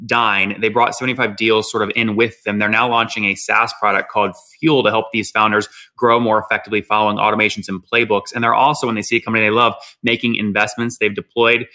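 A man hosting a business interview, asking quick questions and summarizing figures in a brisk, clipped way. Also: fairly low pitch, little pitch movement, bright, forceful tone. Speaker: podcast host.

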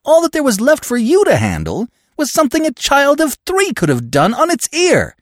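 A man voicing a fierce, scornful woman crook who scolds her partner in a sharp, tense way. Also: very high voice, huge pitch swings, normal speed, no room sound, studio quality, pitched above the performer's own voice, full character voice. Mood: scolding.

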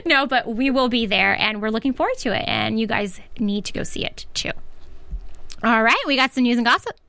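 A woman's voice: on the high side, brisk, gravelly, bright, forceful tone, clear, resonant tone, dry recording. Chatty upbeat woman co-host. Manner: chatty, laughs often, upbeat plugs. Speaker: show co-host. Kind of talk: casual TV recap chat.

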